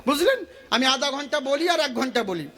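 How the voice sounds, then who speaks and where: A man's voice: very high-pitched, expressive, sharp tone. A man preaching an Islamic sermon at speed, breaking into chanted rhymes and verses, talking into a microphone. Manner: rapid sing-song preaching with chanted verses. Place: outdoor religious gathering with PA mic.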